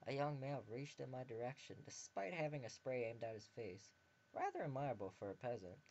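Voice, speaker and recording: A man hosting a game video reads a visual novel aloud in a mid-range, slightly dark voice, speaking a little fast with lively intonation. He reads narration and dialogue mostly plainly and drops joking asides between passages. The dull, lo-fi home recording has faint background ambience.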